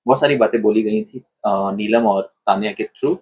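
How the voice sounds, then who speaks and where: A man reviewing a television show in casual commentary, retelling events in an animated way and acting out what people said. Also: lowish voice, normal speed, breathy edge. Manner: animated retelling, acts out quoted lines.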